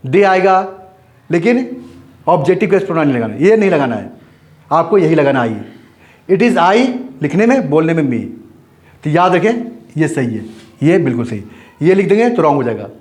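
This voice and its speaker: A man teaching English grammar in Hindi, explaining step by step with English terms and quick checking questions. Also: fairly high pitch, very animated, a little mellow. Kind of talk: Hindi classroom lesson.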